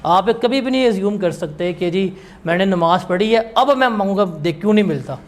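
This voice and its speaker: A man's voice: high voice, expressive, brisk. A male teacher giving a classroom lecture in a blunt, scolding, emphatic way.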